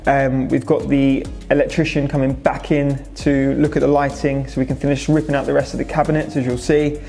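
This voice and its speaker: Speaking a little fast in a warm, creaky, mid-range voice with little pitch variation, the young English owner of a restaurant gives a vlog update on its renovation, addressing the camera in a spacious indoor room. His manner is matter-of-fact and relaxed, heavy on "so" and "obviously," with faint background music.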